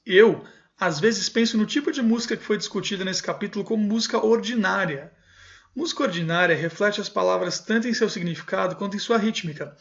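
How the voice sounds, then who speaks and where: A man's voice: high-pitched, fairly bright tone, muffled recording. A man giving a video lesson, reading a book passage by passage and explaining it, often adding "certo?" and correcting himself aloud. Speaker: music teacher.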